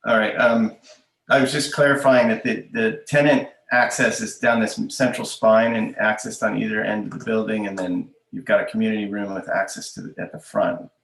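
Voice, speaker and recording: A man chairing a virtual public meeting over a video call, halting and restarting, his audio dropping out as the internet connection wavers. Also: on the low side, little pitch movement, vocal fry, fairly bright tone. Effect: unstable internet call audio dropping out. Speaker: board chair. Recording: echoey video call audio from far off the mic.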